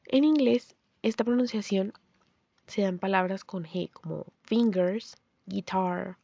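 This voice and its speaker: A woman giving a scripted pronunciation lesson, explaining clearly and saying example words slowly. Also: mid-range voice, dark tone, no room sound, highs cut off. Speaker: language teacher.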